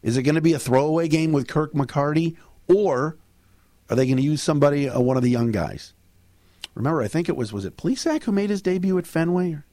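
A man hosts a sports podcast with a hoarse voice that sounds close to giving out. He talks baseball casually, in punchy, colloquial bursts, and the sound is dry and free of room echo. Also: a little high, expressive, brisk, mellow. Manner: colloquial, punchy short sentences. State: hoarse, losing his voice.

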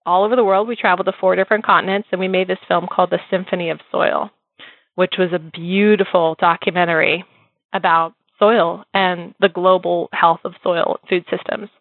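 A woman telling her story as an interview guest, animated and laughing often as she talks. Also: fairly low pitch, brisk, no echo. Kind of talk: casual storytelling. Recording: dry, phone-like lo-fi line.

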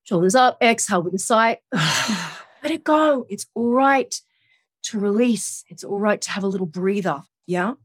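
A woman's voice: mid-range voice, moderate pace, no room sound. Woman guiding relaxation like a yoga teacher. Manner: yoga-teacher delivery, gentle coaxing guidance. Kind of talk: guided relaxation instruction.

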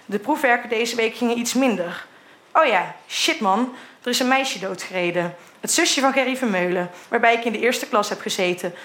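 A woman's voice: fairly high pitch, expressive, normal speed, a bit bright. A middle-aged woman reading her old teenage diary entries aloud in a candid way, sometimes laughing at what she wrote. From Netherlands.

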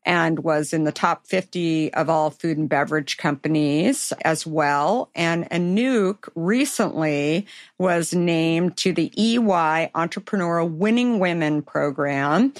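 A middle-aged woman hosts an interview podcast, introducing her guest in an effusive, filler-laden way. Her voice sits on the low side, and the recording is dry and close with no room sound. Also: takes it slowly, dry recording. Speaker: podcast host.

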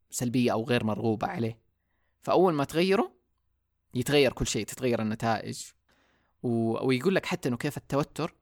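A man's voice: medium pitch, gravelly, no room sound, studio quality. A man hosting a solo podcast, talking in a casual, reflective way and dropping in English words. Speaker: podcast host.

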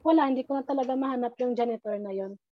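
A woman with a high voice recounts a personal story in a halting, searching way, often restarting and slipping English words into her talk. The recording sounds dry and close, with a slightly dull, muffled tone. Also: dry recording. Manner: hesitant, many restarts, mixes English into Tagalog. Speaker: guest telling a personal ghost story. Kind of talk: casual storytelling.

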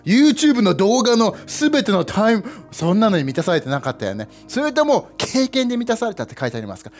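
A young man preaching a lively sermon, playful and animated, with sound effects and asides to the congregation. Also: high voice, a little fast, soft background music. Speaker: pastor.

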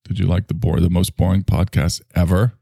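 An older man in his sixties rambles through a solo podcast, joking at his own expense. His voice is low and gravelly, and his pitch swings widely. The sound is dry and close. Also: level tone, brisk, warm tone, dry recording. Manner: rambling, self-mocking, jokey. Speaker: podcast host.

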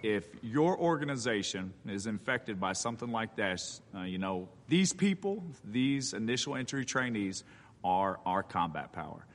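A man answering interview questions as an army commander. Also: fairly low pitch. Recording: long reverberant hall sound.

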